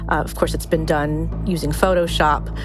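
A woman's voice: low voice, fairly even intonation, moderate pace, music in the background. A woman giving conversational interview answers as a reporter.

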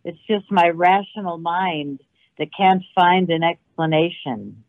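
A woman's voice: lowish voice, a little slow, dry recording. A woman guest telling anecdotes conversationally and emphatically over a narrow call line. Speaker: interview guest, filmmaker. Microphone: phone or call line. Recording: narrow tinny phone-like line.

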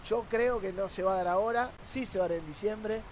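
A man's voice: sits high, brisk, a little hiss or hum. A man with an Argentine accent, a sports journalist arguing his point on a football talk panel with rhetorical questions.

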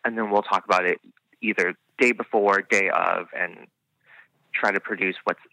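A man's voice: deep voice, fairly even intonation, normal speed, gravelly, sharp tone, no room sound, poor audio. A man who works as a hairstylist, chatting enthusiastically as a podcast guest, full of "I mean" and "you know". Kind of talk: casual podcast interview chat.

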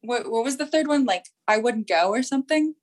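A woman's voice: on the high side, animated, fairly quick, poor audio. Woman guest from the Midwest, giggly and casual, filler-heavy speech. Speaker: caller. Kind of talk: casual chat.

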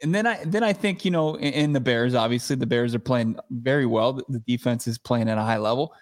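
A man's voice: mid-range voice, fairly quick. A man with an American accent co-hosting a sports show conversationally, often rephrasing mid-sentence. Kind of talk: conversational sports talk and ad reads.

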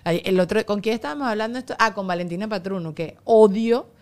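A woman hosting a casual chat, animated and teasing, laughing often. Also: medium pitch, quick pace. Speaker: podcast host.

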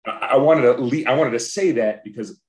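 A Southern California man in his forties, a guest in a casual interview conversation, talks reflectively and earnestly, often restarting sentences and repeating words. His voice is medium in pitch with a darkish tone, and he speaks fairly quickly.

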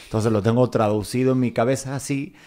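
A young man from Spain with a Castilian accent, co-hosting a podcast in a mid-range voice. He talks loudly and bluntly, and he jokes easily as he goes. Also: mid-range voice, steady tone, fast. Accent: Spanish from Spain. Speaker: podcast co-host. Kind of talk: casual chat.

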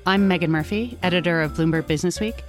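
An American woman with a lowish voice talks fast, hosting a live interview onstage before an audience. She's an interview host and magazine editor, upbeat and chatty, with frequent ums. Soft music plays in the background.

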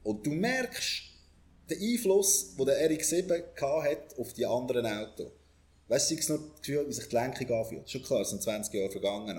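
A man's voice: mid-range voice, darkish tone. A man chatting casually as a car reviewer, blunt and swearing freely.

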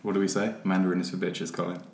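Deep-voiced man, joking host. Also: level tone, darkish tone, a little hiss or hum. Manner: joking, crude, quick to laugh. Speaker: podcast co-host. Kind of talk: casual chat. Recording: roomy echo.

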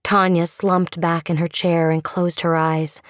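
A woman's voice: fairly low pitch, level tone, measured pace, no echo, studio quality. A woman reading a scripted, dramatic fiction narration as an audiobook narrator.

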